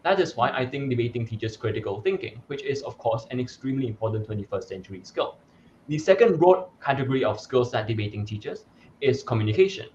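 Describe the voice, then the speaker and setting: A man's voice: medium pitch, expressive, quick pace, darkish tone, lo-fi sound, a little hiss or hum. A young man from Malaysia, a debate coach, answering interview questions in an articulate, explanatory way with some fillers and restarts. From Malaysia (Sarawak).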